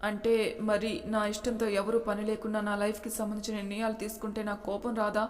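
A woman's voice: mid-range voice, monotone, a little fast, close to an everyday voice. A woman voicing a fearful, childlike young wife who stammers and hesitates, in a storybook reading. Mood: timid, pleading. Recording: long hall reverb.

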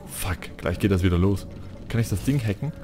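A man's voice: low voice, brisk, music in the background. A man playing a video game and commenting casually, reading in-game text aloud and swearing when he gets frustrated. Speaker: let's play gamer.

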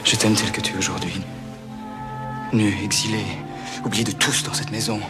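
A nobleman speaks in a lowish, hushed voice in a period film, played by a man. A loud orchestral score swells behind him. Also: fairly even intonation, normal speed, over loud music, close to an everyday voice. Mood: intimate. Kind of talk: film dialogue.

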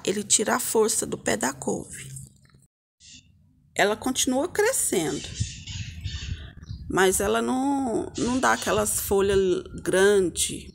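A Brazilian host gives a casual, hands-on gardening lesson in her home yard, surrounded by potted plants, and speaks to viewers informally as her little friends. She has a mid-range voice with vocal fry, and a bit of background noise can be heard.

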